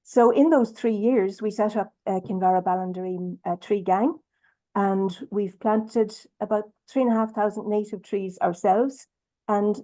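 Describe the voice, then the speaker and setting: An Irish woman speaking on a video-call webinar, hesitant with many pauses and restarts, moving between Irish and English. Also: medium pitch, a little mellow, low-quality recording. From Ireland. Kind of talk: bilingual webinar talk.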